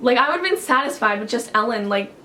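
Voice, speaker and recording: A woman vlogger telling a story to camera at home in an excitable, chatty way, full of "like". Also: a little high, fast talker. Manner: excitable and chatty, heavy use of "like".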